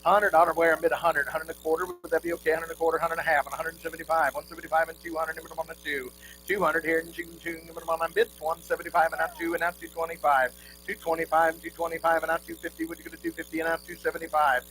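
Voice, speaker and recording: A man's voice: on the high side, level tone, quick pace, background noise. A man working as an auctioneer, calling bids in a rolling, repetitive chant with folksy asides. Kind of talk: rhythmic auctioneer chant with repeated bid calls at a live quilt auction.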